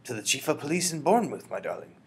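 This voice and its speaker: Storybook role: a man voicing a quietly confident elderly grandmother, steady and reassuring, lively pitch. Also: breathy edge. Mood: calm, reassuring. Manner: measured, reassuring.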